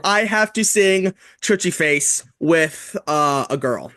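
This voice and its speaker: A man with a somewhat high voice hosts a casual podcast chat. He rambles, piling up "like" and restarting his sentences. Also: lively intonation, slow, sharp tone. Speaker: podcast host.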